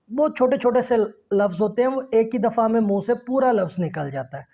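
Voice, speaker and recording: A woman's voice: a little high, warm tone. A woman teacher explaining a lesson, spelling words out letter by letter and repeating each example. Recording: dull lo-fi recording.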